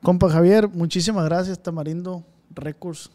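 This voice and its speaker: Male podcast host with a high voice, Sinaloan Mexican accent, informal street slang, relaxed conversational delivery. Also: normal speed. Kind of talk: casual chat.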